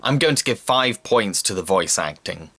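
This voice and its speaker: A man reading a scripted review as the narrator, in a measured, explanatory style. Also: fairly low pitch, animated, music in the background.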